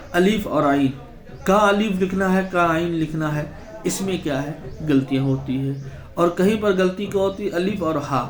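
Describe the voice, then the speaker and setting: A male teacher, giving an exam-prep lesson. He asks the class questions, answers them himself, and reads out lists of words slowly. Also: a little high. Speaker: Urdu teacher. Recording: echoey room.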